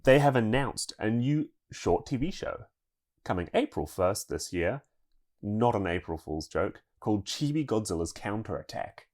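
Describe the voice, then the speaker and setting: Low-voiced man hosting a casual podcast. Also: lively intonation, normal speed, a little mellow. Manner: chatty, laughs while reading news. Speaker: podcast co-host.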